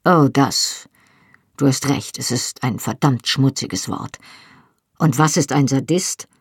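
A stern, proud husband, read by an audiobook narrator, speaks in curt, gruff phrases. The voice is husky, recorded close and dry. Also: male voice, medium pitch, slow pace, dry recording. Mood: dryly amused.

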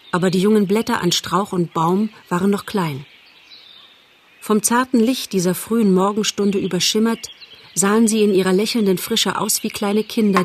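A woman narrates a storybook in a calm, measured way, her voice in a middle range. There is faint noise in the background. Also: mid-range voice. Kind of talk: audiobook reading.

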